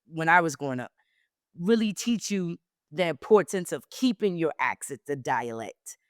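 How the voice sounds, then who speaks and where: A woman from South Carolina, a travel company founder, telling her story candidly as an interview guest, with a mostly neutral American accent that keeps a slight South Carolina Lowcountry trace. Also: expressive, normal speed, no echo, studio quality. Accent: General American, slight South Carolina Lowcountry. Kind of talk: casual interview conversation.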